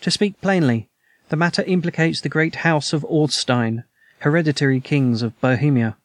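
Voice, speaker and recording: A man's voice: on the high side, normal speed, no echo, natural voice. A man reading the lines of a proud, masked nobleman king in an audiobook story, with formal, stately speech.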